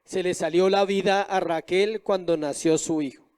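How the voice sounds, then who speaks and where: High-voiced man preaching a sermon. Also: fairly even intonation, normal speed, a little mellow, clean tone. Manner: preaching with rhetorical questions to the congregation. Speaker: pastor.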